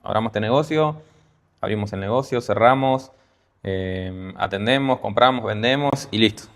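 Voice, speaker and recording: A man's voice: on the low side, moderate pace. A Peruvian-born man with a Rioplatense Spanish accent, a guest telling his business story in a casual interview, full of fillers and restarts. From Peru. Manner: hesitant, many fillers and restarts. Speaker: guest entrepreneur.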